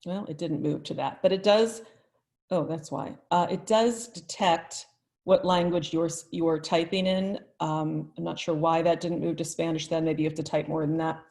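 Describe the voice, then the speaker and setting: A woman talks through a live online tutorial in a chatty, friendly way. Her voice sits low and has a gravelly texture. She thinks out loud as she demonstrates each step. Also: steady tone, moderate pace. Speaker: teacher trainer.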